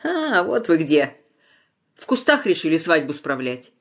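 A stern old peasant father, put on by a storybook reader barks his commands. The voice is gruff and overbearing, pushed up high and loud, with a scornful, ordering edge. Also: sing-song, a little slow, full character voice. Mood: angry, commanding. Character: stern domineering peasant father, older man.

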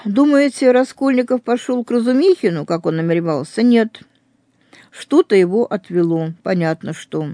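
An earnest storyteller retells a novel, weaving in religious commentary with emphatic stress. The tone is dark and mellow, and the recording is dry and close to the mic. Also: medium pitch, animated, normal speed, no room sound.

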